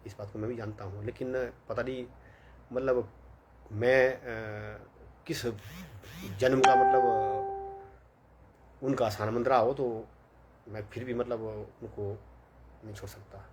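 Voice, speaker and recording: A young man with a lilt rambles through a personal story, with plenty of fillers and with each character's lines quoted. His voice sits at an ordinary middle pitch. A faint hiss of background noise sits under it. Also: steady tone, takes it slowly, long pauses. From Himachal Pradesh, India. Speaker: vlogger. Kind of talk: casual storytelling monologue.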